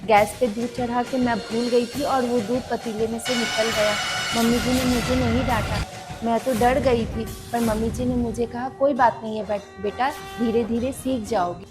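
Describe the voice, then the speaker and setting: A woman playing a young newly married daughter-in-law who speaks softly and respectfully in a family skit. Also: fairly high pitch, steady tone, normal speed, over music, lightly acted. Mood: meek. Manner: soft, quiet and respectful. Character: young daughter-in-law, new bride, meek and gentle.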